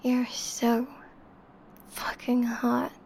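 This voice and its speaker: A woman doing a whispered role-play as an adoring, seductive lover, speaking slowly and intimately, close to the listener's ear. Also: on the high side, monotone, gravelly, a little mellow, a little hiss or hum, poor audio. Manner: slow, lingering delivery with pauses.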